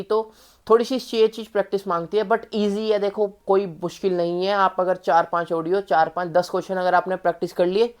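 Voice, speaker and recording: A woman with a mid-range, slightly mellow voice gives a casual spoken exam-prep lesson to students. She speaks Hindi sprinkled with English phrases, addresses viewers familiarly, and goes over key points more than once.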